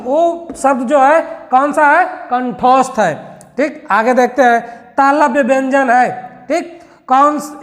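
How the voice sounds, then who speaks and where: A man's voice: very high voice, fairly bright tone, big-room sound. A male teacher going through exam questions, sounding out letters one at a time and asking the class rhetorical questions. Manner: slow, drawn-out letter-by-letter drilling with rhetorical questions. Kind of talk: exam-prep lesson.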